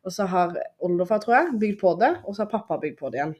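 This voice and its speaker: A young woman, a podcast guest, telling stories in a casual chat in an animated way, with many fillers. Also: lowish voice, slightly rough.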